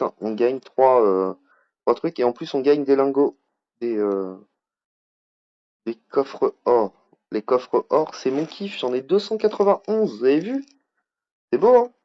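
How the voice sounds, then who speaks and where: A chatty man with a French accent walks through a game tutorial in a loose, rambling way, talking at a middling pitch. The audio is a bit dull and lo-fi. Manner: rambling, chatty, self-admitted over-talker. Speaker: mobile strategy game YouTuber. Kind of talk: casual game tutorial over screen capture.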